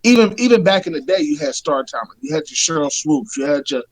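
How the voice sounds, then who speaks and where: A man with a slightly raised pitch co-hosts a sports talk show. He speaks loosely and with slang, dropping "like" and "bro" between thoughts. His delivery is lively and casual. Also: quick pace, rough recording. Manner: slangy, animated, fillers like "like" and "bro". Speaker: podcast co-host.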